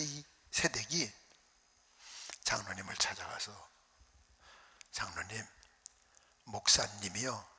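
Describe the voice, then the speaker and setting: A man preaching a revival sermon, telling stories with lively acted-out voices and sudden whispers. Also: medium pitch, breathy edge, long reverb tail. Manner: animated storytelling, acting out voices, dropping to whispers. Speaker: pastor. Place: church hall.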